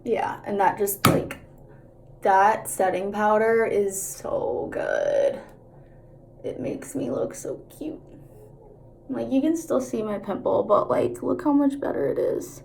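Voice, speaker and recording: A woman's voice: mid-range voice, takes it slowly, creaky, a little mellow, a little hiss or hum. A woman chatting casually through a makeup tutorial, candid, slangy and sweary, talking out of the side of her mouth.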